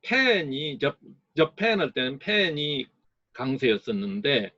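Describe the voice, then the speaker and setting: A man giving a recorded lecture as an English teacher, explaining slowly and sounding out words to model their stress. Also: medium pitch, big pitch swings, pushed and bright, dry recording, muffled recording.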